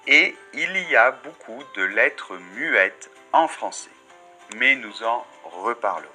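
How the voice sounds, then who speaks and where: A man's voice: medium pitch, animated, slow, sharp tone, faint music behind. A man teaching a beginners' French lesson, patiently modelling each sound and word for the learner.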